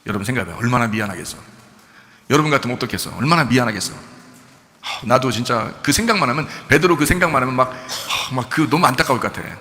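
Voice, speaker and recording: A pastor at the pulpit retells a story in an animated sermon, speaking quickly and lively with a wide-ranging pitch, shifting between plain speech and polite address. His bright, forward voice rings with the long reverb of a church sanctuary.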